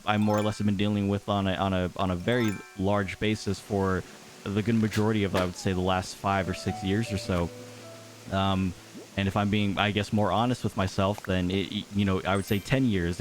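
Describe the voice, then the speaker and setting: A young man with a fairly low voice talks through his thoughts in a relaxed, meandering way, often pausing on "uh" and restarting his sentences. Soft music plays quietly underneath. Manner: thoughtful, rambling, many fillers and restarts. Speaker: gaming YouTuber. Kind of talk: reflective casual talk over gameplay.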